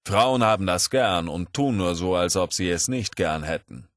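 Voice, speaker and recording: A man's voice: low voice, moderate pace, fairly bright tone, no room sound, clean studio sound. A man voicing a stubborn, pompous man who lectures his comrades in a raised, insistent, declaiming voice. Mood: puzzled.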